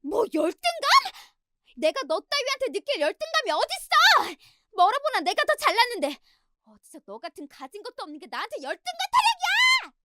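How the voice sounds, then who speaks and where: A woman voicing an arrogant, spiteful young wife who shouts with contempt. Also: extremely high pitch, huge pitch swings, a little fast, background noise, pitched above the performer's own voice, full character voice. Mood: outraged.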